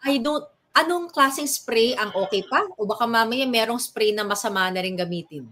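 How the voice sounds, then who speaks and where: A woman's voice: fairly high pitch, normal speed, a bit bright. A woman co-hosting a health talk show, asking the guest questions in a mix of English and Tagalog. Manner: friendly, asks questions, mixing English and Tagalog. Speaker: co-host.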